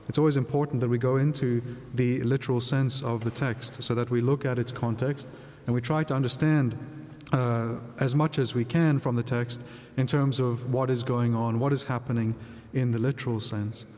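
Male priest doing a gospel reading and homily, measured, big cathedral echo on everything. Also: mid-range voice, a little mellow. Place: large reverberant church.

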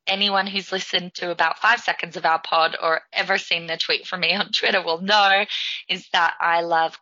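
An Australian woman co-hosts a casual podcast with a chatty, playful manner. Her voice is very bright and forceful, at a middling pitch. The sound is slightly lo-fi. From Melbourne, Australia. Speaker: podcast co-host.

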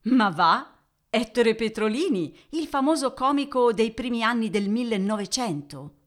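A woman's voice: on the high side, animated, a little slow. A woman presenting an interview podcast as its host, addressing listeners and putting questions to a guest.

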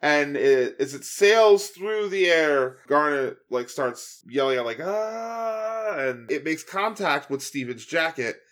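A man in casual podcast chat, calmly walking through a cartoon's plot. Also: a little high, measured pace, few pauses. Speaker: podcast co-host.

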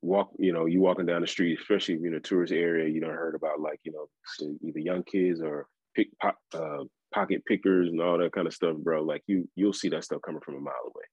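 A deep-voiced American man talks fast in a casual, slangy back-and-forth with his buddies, teasing them. His tone is husky. The recording is dry and a bit dull. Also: steady tone, darkish tone, no echo. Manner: slangy, teasing, bro-heavy talk. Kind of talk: casual chat among friends. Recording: dry, slightly dull lo-fi sound.

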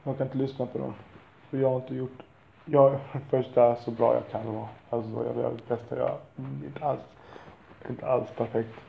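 A man's voice: medium pitch, level tone, vocal fry, echoey room, lo-fi sound, slight background noise. A man talking frankly about being a father, in a blunt, profane and rambling way with self-deprecating asides. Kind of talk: candid monologue.

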